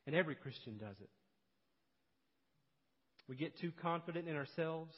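A man preaching an expository sermon, telling stories and swinging between loud emphasis and hushed, low passages. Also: lively intonation, moderate pace. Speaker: pastor. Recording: dull sound with long hall reverb.

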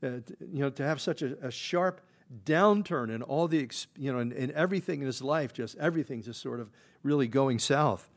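A man preaching a midweek Bible study as pastor, talking in a loose conversational way with many fillers and restarts, and growing louder when he reads verses aloud. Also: mid-range voice, brisk. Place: church.

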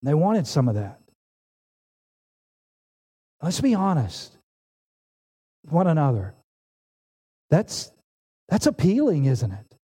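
A man in his forties preaching a sermon, animated and emphatic, often restarting his phrases. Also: a little high, slow, pauses often, breathy edge. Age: 40s. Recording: long hall reverb.

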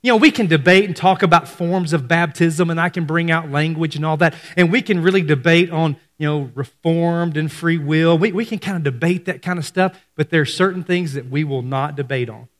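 A man preaches in an easy, conversational way, as if talking with his congregation. His voice sits a little high, and he lowers it to a hush to stress a point. The sound carries a long reverb from the church hall. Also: a little fast, few pauses. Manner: conversational preaching, acts out quoted voices, drops to hushed emphasis. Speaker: pastor. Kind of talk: sermon.

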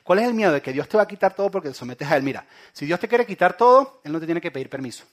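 A man preaching a sermon, swinging from loud calls to hushed, low lines. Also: expressive, racing. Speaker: pastor.

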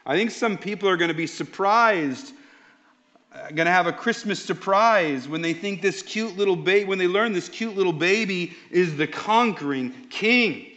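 A pastor preaching a sermon in an emphatic, slow and deliberate way. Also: male voice, high-pitched, pushed and bright. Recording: dull lo-fi sound.

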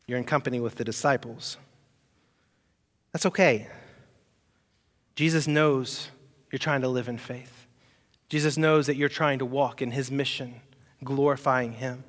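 A pastor preaches a Sunday sermon in a mid-range voice, and the sound carries the feel of a big room. He poses rhetorical questions to the congregation and swings between loud, emphatic peaks and soft, quiet asides.

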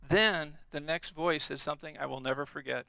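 A middle-aged man delivers a sermon in an earnest, emphatic way, coming back to his key phrases again and again. His voice is bright, smooth and a little higher than most men's. It is recorded close and dry, with no room sound. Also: steady tone, brisk, no echo, rough recording. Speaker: preacher.

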